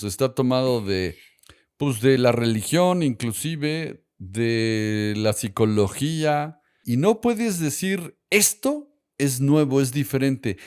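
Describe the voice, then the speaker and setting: A man's voice: mid-range voice, a little mellow. A man hosts a conversational discussion, posing questions to his guests and reflecting aloud. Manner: moderating, poses questions to guests. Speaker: podcast host.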